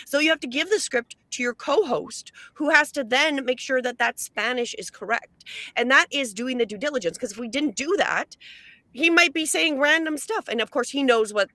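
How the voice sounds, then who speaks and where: A woman's voice: sits high, normal speed, pushed and bright, no room sound. A Canadian woman co-hosting a live online show, explaining things in long upbeat run-on stretches. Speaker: co-host. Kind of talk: casual livestream chat.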